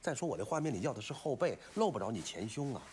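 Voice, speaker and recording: A man's voice: mid-range voice, sing-song, quick pace, a little hiss or hum, natural voice. An actor playing a pushy male film director who presses his cast to get the scene shot. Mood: pressing. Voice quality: raspy. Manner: pressing, then shouting orders. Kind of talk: film drama acting.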